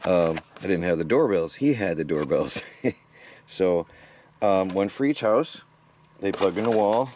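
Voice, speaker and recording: A man's voice: low voice, a little mellow. A middle-aged man casually narrating his homestead chores outdoors, rambling and chuckling to himself, picked up by a camera mic. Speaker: homesteading vlogger. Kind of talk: casual work-along narration. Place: outdoors on a rural property. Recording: faint outdoor background noise.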